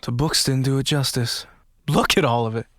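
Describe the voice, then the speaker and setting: A man's voice: mid-range voice, steady tone, normal speed, fairly bright tone, dry recording, clean studio sound, lightly acted. An actor playing Albert, a nervous, bookish young man who talks in an anxious, wondering way. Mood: awed. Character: nervous bookish young male vault dweller.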